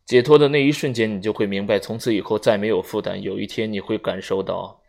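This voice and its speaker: A calm, resigned old general speaks slowly and politely in a low, gravelly voice, as a male audiobook reader puts him on. He is grave and courteous, with no hurry in him. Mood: grave sorrowful. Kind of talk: audiobook reading.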